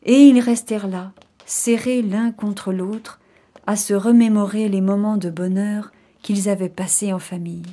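A woman narrating a children's fairy tale in an expressive storybook reading. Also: mid-range voice. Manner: expressive, unhurried.

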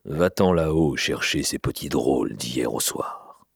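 A brutish, hot-tempered ogre from a storybook, as a male narrator puts him on, growling and bellowing his threats. The voice has a gravelly, husky edge, and the recording is dry and close. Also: a bass voice, expressive, unhurried, no echo, voice pushed down, full character voice. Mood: gruff. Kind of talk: storybook reading.

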